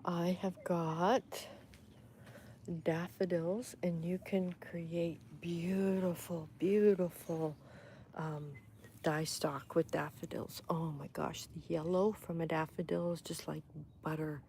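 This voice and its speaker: A woman's voice: on the low side, fairly even intonation, slow, dark tone, a little hiss or hum. A woman hosting a casual livestream, chatting in a rambling, fond way as she walks through her garden with her phone. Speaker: host. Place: outdoors in a garden. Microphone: phone held in hand.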